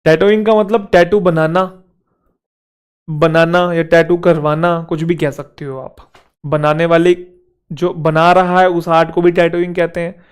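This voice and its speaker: Young male English tutor, higher voice, smooth and clear; chatty lesson that mixes Hindi and English, poses questions and answers them himself. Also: a little mellow. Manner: conversational, asks and answers his own questions; reads English sentences slowly and deliberately. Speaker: English teacher for exam prep.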